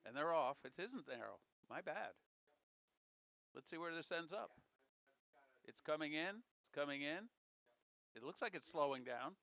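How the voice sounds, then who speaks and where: Man, bright forceful voice, casual curling commentator, jokey, repeats his calls. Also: a little high, expressive, measured pace, vocal fry, long pauses, rough recording. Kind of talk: live sports commentary, casual and chatty.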